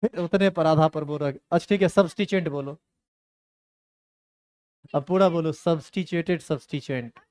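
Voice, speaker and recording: A man's voice: fairly high pitch, moderate pace, long pauses, a little mellow, clear, resonant tone. A man teaching a chemistry class, teasing and scolding his students. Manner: scolding, teasing students in a rustic Hindi dialect. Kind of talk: classroom lecture.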